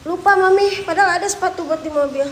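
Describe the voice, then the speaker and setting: High-voiced nervous young woman, echoey house. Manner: nervous, muttering quick prayers and exclamations; chatty slang with viewers. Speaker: ghost-hunting live streamer. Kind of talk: live-stream haunted house exploration. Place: abandoned house, indoors. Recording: echoey, reverberant empty building, faint noise.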